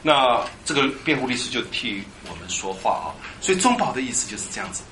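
A man preaching a lively Bible teaching sermon, quizzing his congregation and drilling them on Greek words. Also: medium pitch, quick pace. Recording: echoey hall with background noise.

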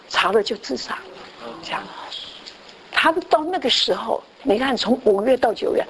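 A woman gives a sermon in a fairly high, breathy, husky voice. Her delivery is conversational: she tells a story, restarts her phrases and often checks in with her listeners. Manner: conversational, with frequent restarts and tag questions. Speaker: preacher.

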